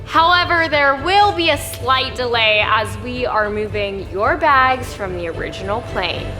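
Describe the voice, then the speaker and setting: A woman plays a composed female airport announcer who reads out gate notices over a PA system. Her high voice echoes through a long, reverberant hall. Music plays clearly behind her. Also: lively intonation, unhurried. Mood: formal. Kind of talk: formal public announcement.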